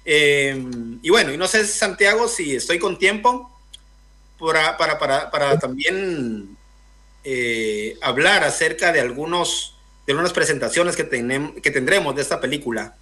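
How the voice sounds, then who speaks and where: A young man from Guatemala joins a radio interview over a video call. His voice is bright and fairly high, and he works through his points slowly, stopping often to search for words. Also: expressive. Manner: thoughtful, hesitant with many fillers. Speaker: guest filmmaker. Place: indoor room, video call.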